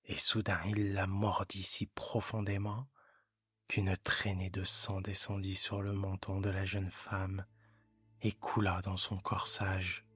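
A man reading a classic short story aloud as a calm, hushed bedtime narration. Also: sits low, slightly rough, no echo, studio quality. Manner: calm, hushed, measured delivery. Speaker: audiobook narrator.

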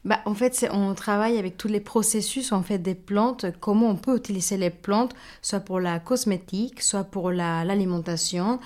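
A woman's voice: medium pitch, moderate pace, few pauses, a little mellow. A woman from Mexico, a baker who is the guest in a conversational interview and talks reflectively, searching for words and repeating phrases as she goes.

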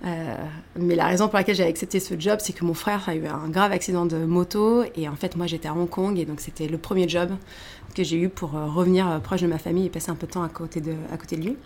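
A woman's voice: on the low side, quick pace, a little hiss or hum. French woman telling her career story. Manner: animated, many fillers and restarts. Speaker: guest. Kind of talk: casual interview storytelling.

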